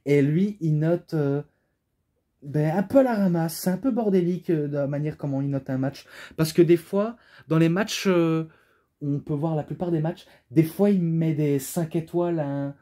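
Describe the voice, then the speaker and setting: With an imposing, dark-toned voice pitched on the high side, this man reviews wrestling DVDs in a loose, meandering way, getting swept up in his own talk at a normal speed.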